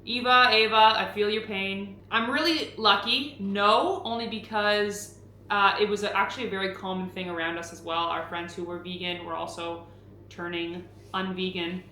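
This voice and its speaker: A woman's voice: medium pitch, fairly even intonation, moderate pace, bright, forceful tone. A young woman from Canada answering viewer questions in a casual chat, full of "like" fillers and the odd swear word. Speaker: fitness creator and host. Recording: echoey room with faint background noise.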